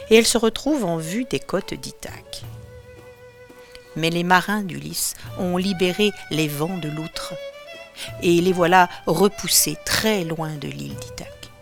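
A woman reading a storybook aloud in scripted narration, clear and expressive, in a reverberant recording with faint music behind. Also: fairly low pitch, measured pace.

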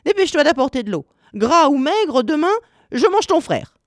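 A woman voicing a cruel old witch who lures children, sweet-voiced at first, then sharp and commanding. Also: very animated, moderate pace, no room sound, studio quality. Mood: shrill. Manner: honeyed then shrill, commanding.

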